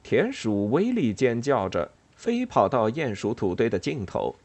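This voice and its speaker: A man reads a children's animal story aloud, his pitch rising and falling freely. The voice sits mid-range and has a husky, slightly rough grain. It is an expressive, lively telling. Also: normal speed. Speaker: narrator. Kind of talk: storybook narration.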